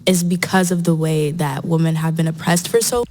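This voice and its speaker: A woman's voice: sits low, steady tone, normal speed, darkish tone. A woman arguing insistently on a podcast, often stopping and restarting mid-word. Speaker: podcast guest. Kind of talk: heated podcast debate.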